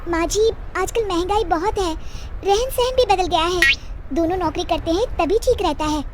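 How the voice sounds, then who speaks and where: A woman's voice: very high-pitched, normal speed, noisy background, voice pushed up. A woman voicing a meek, polite young daughter-in-law in a cartoon family story, speaking in a deferential, pleading way.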